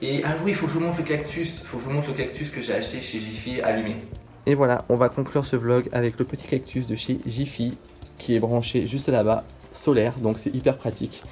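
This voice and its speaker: A man's voice: mid-range voice, fairly even intonation, brisk, a little mellow, faint music behind. A man in his twenties vlogging casually at home, chatty and enthusiastic, filled with little fillers. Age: 20s. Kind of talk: casual vlog chat to camera. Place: small bathroom at home, resonant.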